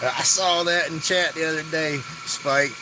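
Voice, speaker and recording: A man's voice: a little high, fairly even intonation, unhurried. A man with a Southern US Appalachian hillbilly accent chatting casually and folksily on a livestream while he works, sometimes getting tongue-tied. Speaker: woodturning livestreamer. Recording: noisy workshop, machine hum behind voice.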